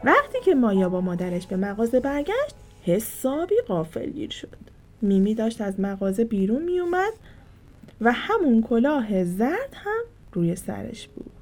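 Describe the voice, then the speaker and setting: A woman storyteller reading a children's storybook aloud in a gentle, expressive, sing-song way. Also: on the high side.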